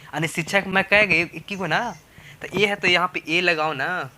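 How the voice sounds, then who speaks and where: Male spoken-English teacher, very bright tone, slightly high voice, repetitive and coaxing. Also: fairly even intonation, normal speed. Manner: repetitive, coaxing, asks rhetorical questions. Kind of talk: classroom lesson explaining grammar.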